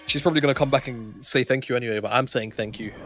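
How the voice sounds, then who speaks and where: A man's voice: medium pitch, very fast, a bit bright, soft background music. A man, co-hosting a livestream and chatting casually with viewers. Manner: chatty, swearing, laughs often. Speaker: stream co-caster.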